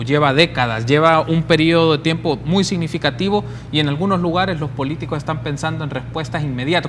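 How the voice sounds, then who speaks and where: A man hosting a broadcast interview, formal and measured as he frames questions for the panel. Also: fairly high pitch, long reverb tail, a little hiss or hum. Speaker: interview host.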